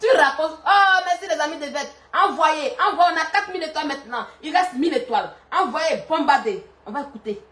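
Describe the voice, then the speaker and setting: A woman's voice: high-pitched, brisk, hardly any pauses, a bit bright, echoey room. A woman hosting a live stream, chatting and gossiping with lots of laughter and urging viewers to send stars.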